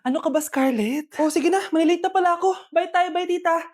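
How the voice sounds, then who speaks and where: A woman with a high voice performs short comedy skits by herself. She moves between shrill outbursts, dramatic lines and soft, quiet ones. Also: normal speed. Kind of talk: comedy skits, playing many roles.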